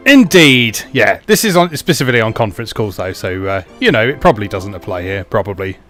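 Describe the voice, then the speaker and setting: A man hosting a podcast in casual chat, lively and dry, laughing easily and poking fun at himself. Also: fairly low pitch, a little fast, soft background music. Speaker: podcast host.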